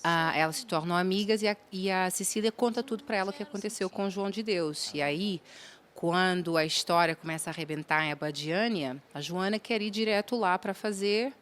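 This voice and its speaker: A woman's voice: on the low side, brisk, a little hiss or hum. A woman from Portugal with a European Portuguese accent, an actress explaining her character in an interview. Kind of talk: behind-the-scenes interview.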